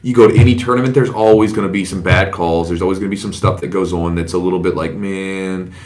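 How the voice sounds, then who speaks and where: Low-voiced man telling stories on a podcast. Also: quick pace. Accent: Southern US. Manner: storytelling, animated when quoting others. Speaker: podcast host, jiu-jitsu coach. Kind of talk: casual podcast chat.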